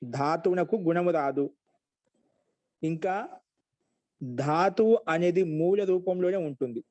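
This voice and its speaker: A man teaching Sanskrit grammar in an online class, repeating each rule slowly so students can write it down. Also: a little high, darkish tone, dry recording, highs cut off. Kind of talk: dictation-paced online lesson.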